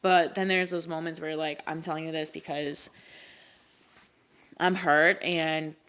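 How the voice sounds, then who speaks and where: Rambling young woman, lowish voice. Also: little pitch movement, a little slow, a bit bright, clear, resonant tone. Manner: rambling, filler-heavy, laughs often. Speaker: podcast co-host. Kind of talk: casual chat.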